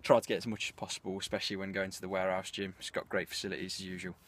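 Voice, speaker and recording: A man's voice: low-pitched, flat delivery, very fast, a bit bright. A young man talking to camera just after leaving the gym, out of breath and tired. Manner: tired, direct talk to camera. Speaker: fitness vlogger. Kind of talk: casual vlog to camera. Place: outdoors just outside a gym.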